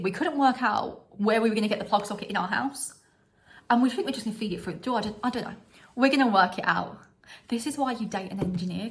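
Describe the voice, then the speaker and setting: A woman's voice: mid-range voice, fairly bright tone, slight background noise. A young woman vlogging a holiday decor haul at home, bubbly and chatty, often laughing at herself. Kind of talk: casual home haul vlog. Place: at home, in front of a styled background.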